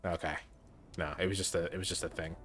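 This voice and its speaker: A man giving casual playthrough commentary in a bright, forceful, lowish voice. He is slangy and playful, with game music faintly behind him. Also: steady tone, fast talker. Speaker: game streamer.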